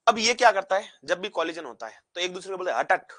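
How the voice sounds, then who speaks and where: A man's voice: high-pitched, quick pace, no echo. A man teaching a physics lesson, asking the class questions and repeating key terms back as answers. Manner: animated, acts out particles pushing apart.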